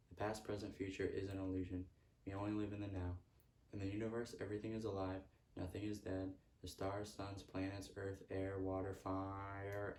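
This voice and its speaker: A man's voice: fairly low pitch, darkish tone, distant mic. A man giving a motivational self-help talk, repeating earnest affirmations. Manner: earnest, repetitive affirmations with stray laughs. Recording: echoey room, speaker off-mic.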